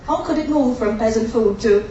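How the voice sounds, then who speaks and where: Speaking at a moderate pace with a fairly high voice, a Caribbean woman raised in Barbados after being born in Guyana runs a live cooking demonstration on a cruise ship, joking and chatting with the crowd. The lo-fi recording has background noise, a distant mic, faint ambience and heavy echo.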